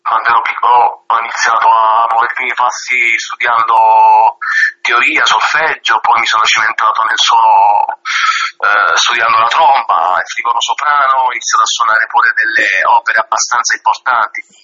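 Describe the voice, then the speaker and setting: A male singer called in by phone, talking with a sharp, very bright tone that is a bit husky. He rambles and repeats words, and the line sounds dull and muffled over the radio. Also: medium pitch, steady tone, normal speed. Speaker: singer guest.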